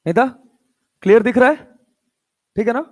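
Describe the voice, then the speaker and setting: A man's voice: extremely high pitch, lively intonation, moderate pace, darkish tone. A male physics teacher lecturing a class, coaxing and teasing his students and scolding them casually.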